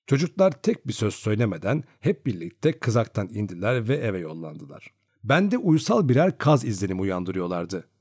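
A man's voice: lowish voice, husky, no echo, clean studio sound. A man narrating a classic novel as an audiobook, reading expressively. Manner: expressive storytelling.

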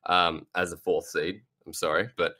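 A man's voice: deep voice, level tone, normal speed, pushed and bright. A man on an esports panel giving long, rambling analysis full of fillers and restarts, apologizing for ranting. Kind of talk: casual panel chat.

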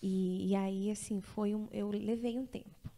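Gravelly-voiced woman telling a story. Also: medium pitch, a little slow. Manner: animated storyteller, acting out quoted voices. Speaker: guest. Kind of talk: casual storytelling.

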